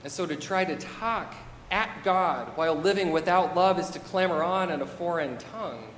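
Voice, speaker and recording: A man's voice: high voice, normal speed, a bit bright, a little hiss or hum. A man preaching a sermon, reading scripture and adding wry, modern asides. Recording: echoey hall with long reverb, faint ambience.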